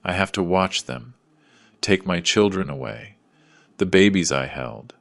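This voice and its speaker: A man reading a dramatic first-person story in a measured, somber way. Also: low voice, big pitch swings, gravelly, a bit bright, no echo, clean studio sound. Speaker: narrator.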